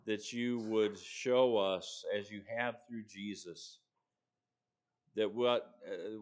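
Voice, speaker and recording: A middle-aged man preaching a sermon from a church pulpit, earnest and deliberate, pausing between phrases. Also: lowish voice. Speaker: pastor.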